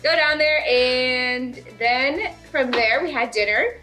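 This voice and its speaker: A woman's voice: sits high, takes it slowly, pushed and bright, faint music behind. A woman in her thirties, co-hosting a casual chat show and telling a rambling story with lots of giggles. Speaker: podcast co-host.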